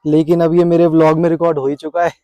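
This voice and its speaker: A chatty travel vlogger with a slightly high voice talks to a handheld camera as he treks outdoors. He jokes easily and slips into storytelling. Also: level tone, quick pace, mellow, no room sound, poor audio. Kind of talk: casual travel vlog narration. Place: outdoors on mountain trails and by a river.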